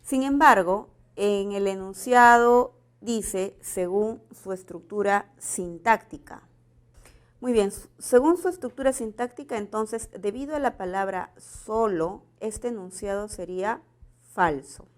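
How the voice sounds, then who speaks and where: Mujer profesora explicando gramática. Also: female voice, medium pitch, a little slow. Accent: Peruvian Spanish. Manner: explanatory, checks in with "¿verdad?". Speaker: teacher. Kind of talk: exam prep grammar lesson.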